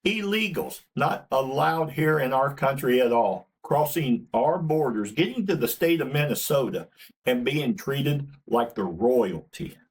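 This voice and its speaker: A man's voice: medium pitch, animated, measured pace, husky, rough recording. A man hosting his own channel, delivering a blunt, indignant political opinion rant with swearing. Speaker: channel host.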